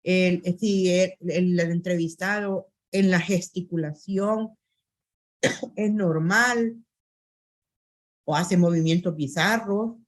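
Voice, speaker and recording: A woman's voice: lowish voice, fairly even intonation, slow pace, long pauses. A woman lecturing an online university class, going through items one by one in a methodical way with frequent hesitation fillers, on a computer mic over a video call.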